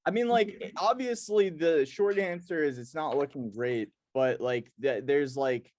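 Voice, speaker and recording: A man's voice: a little high, measured pace, a little mellow, no echo, studio quality. A man hosting a casual interview, speaking in an informal, wordy, loosely phrased way. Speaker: interview show host.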